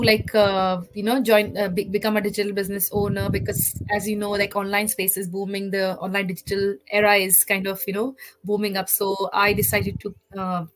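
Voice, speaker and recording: A woman's voice: medium pitch, low-quality recording. A woman in her thirties from India, a guest in a casual interview, talking in a chatty way with many fillers.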